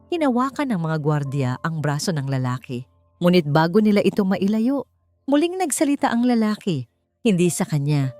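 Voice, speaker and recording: A woman reads a romance audiobook aloud with expressive storytelling, her voice rising higher at the dramatic moments. Faint music plays in the background.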